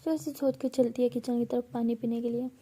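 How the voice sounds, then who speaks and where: A woman's voice: a little high, monotone, brisk, mellow, slightly rough. A woman telling a love story aloud in a chatty, casual storytelling way. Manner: chatty, repetitive story narration.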